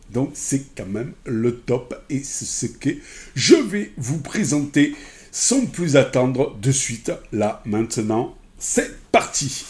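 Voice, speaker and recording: Rambling man unboxing a smartwatch. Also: medium pitch. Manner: rambling, many fillers and self-corrections; handles the product while talking. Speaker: tech reviewer. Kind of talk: casual unboxing review.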